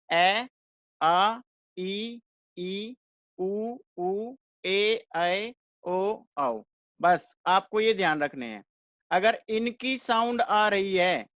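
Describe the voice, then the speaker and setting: A man teaches English grammar in an online class, keeping the pace even and repeating each rule. He asks the students a question and then answers it himself. The recording is dry and close. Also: high-pitched, dry recording.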